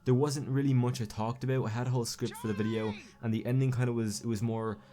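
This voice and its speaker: A young man who talks fast, with a warm, level mid-range voice, does casual commentary as a YouTube film reviewer. He rambles, restarts, and corrects himself mid-thought, on a home recording mic with slight background noise.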